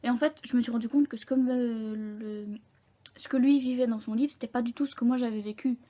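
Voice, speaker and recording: A young woman vlogger telling a personal story to camera in a candid, halting way, often correcting herself mid-sentence. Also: a little high, steady tone, dark tone.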